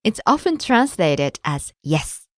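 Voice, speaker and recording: A woman's voice: deep voice, very animated, takes it slowly, dry recording, clean studio sound. A woman co-hosting a language lesson podcast, explaining words in a friendly, scripted way.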